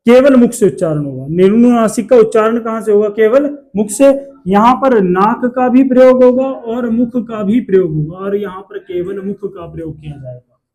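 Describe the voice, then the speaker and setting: High-voiced male teacher, drilling questions. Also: mellow. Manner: repeats questions and answers them himself. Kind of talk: classroom lesson.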